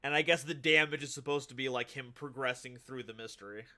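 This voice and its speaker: A man's voice: medium pitch, fast, bright, forceful tone. A man hosting a casual livestream, upbeat and hype, who reads card text aloud. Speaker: streamer host.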